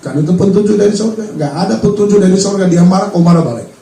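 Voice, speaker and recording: A man's voice: high voice, fast talker, mellow, faint music behind. A male pastor preaching a sermon, emphatic and full of rhetorical questions, recorded from a distance in a church hall. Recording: roomy hall sound from far off.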